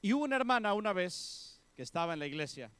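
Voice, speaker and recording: Pastor, male, storytelling sermon voice, smooth and a touch high, swings between loud and hushed. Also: fast, no echo. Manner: animated storyteller, voicing the women in the story with soft, hushed tones.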